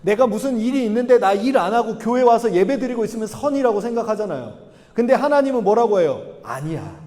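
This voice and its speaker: A male pastor gives a sermon in a church sanctuary, regularly questioning the congregation and voicing Bible characters. He speaks fast with lively intonation in a very high, mellow voice, and long hall reverb surrounds him.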